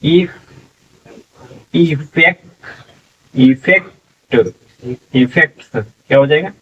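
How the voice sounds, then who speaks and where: Male tutor, unhurried spelling drill, heard from a distance on a dull lo-fi mic. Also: on the high side, fairly bright tone, husky. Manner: slow, drawn-out syllable-by-syllable sounding out; frequent "theek hai" check-ins. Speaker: English teacher. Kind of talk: spelling lesson, sounding out words letter by letter.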